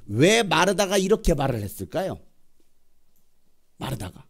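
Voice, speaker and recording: A male pastor preaching a sermon, telling the story in an animated way and acting out the voices. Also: fairly high pitch.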